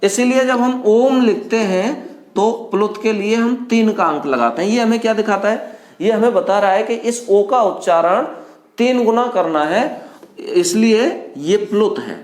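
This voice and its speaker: Male grammar teacher, high voice, quizzes his students and answers himself, stretches vowels slowly, roomy classroom sound. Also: a little mellow. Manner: asks the class questions and answers them himself, addresses students as beta; draws vowels out slowly to show their length. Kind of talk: classroom lecture. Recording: echoey classroom.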